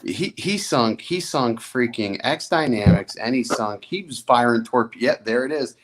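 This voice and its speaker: A man's voice: mid-range voice, lively intonation, measured pace, fairly bright tone, a little hiss or hum. A man in casual livestream chat, teasing the others with crude banter.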